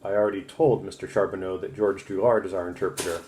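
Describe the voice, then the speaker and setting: A man's voice: low voice, fairly even intonation, fast, darkish tone, a little hiss or hum, natural voice. A man reading aloud and voicing an irritated army captain who speaks in short, clipped, cold sentences. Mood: curt. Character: stiff, irritated male army captain, terse.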